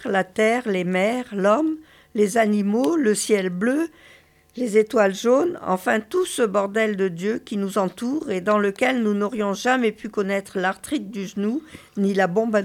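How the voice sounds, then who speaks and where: A woman reading a satirical story aloud in a dry, measured narration. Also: medium pitch, a little mellow. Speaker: reader. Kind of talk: literary reading.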